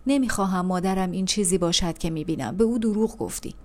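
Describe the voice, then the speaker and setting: A woman's voice: fairly low pitch, a little mellow, lightly acted. A woman reading aloud, voicing a grieving young boy who speaks bluntly and reproachfully. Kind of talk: audiobook reading.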